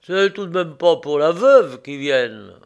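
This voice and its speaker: A man voicing a rough, blunt condemned prisoner who talks in coarse working-class speech. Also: fairly high pitch, lively intonation, unhurried, pitched above the performer's own voice. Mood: gruff.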